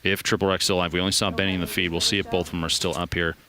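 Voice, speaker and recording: A man's voice: sits low, level tone, rapid-fire, bright, forceful tone. A man giving live game commentary as a caster, joking and analytical. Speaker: esports caster. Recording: cheering crowd and game gunfire behind.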